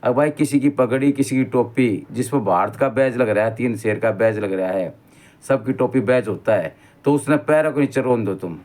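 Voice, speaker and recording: A man's voice: mid-range voice, normal speed, darkish tone. A middle-aged man with a Haryanvi accent, talking in a casual monologue and rambling through stories while calling the listener brother. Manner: rambling storyteller, keeps saying "bhai". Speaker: vlogger.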